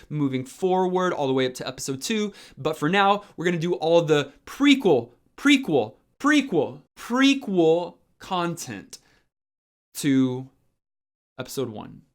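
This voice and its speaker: An informal, enthusiastic host talks casually to camera in a chatty review vlog. The voice is mid-range with a fairly bright tone, and words get repeated for emphasis.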